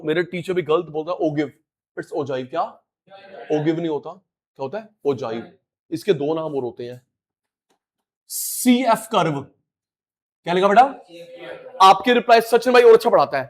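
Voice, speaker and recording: Middle-aged guy teaching an online class, pretty high voice, keeps repeating stuff to the kids. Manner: animated, coaxing, repeats key words to the class. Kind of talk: live online class lecture.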